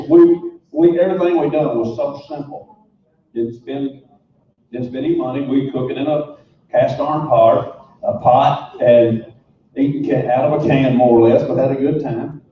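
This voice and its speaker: A man's voice: mid-range voice, slight background noise. A man telling a folksy, rambling anecdote to an audience, repeating his phrases. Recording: echoey hall, distant mic, dull sound.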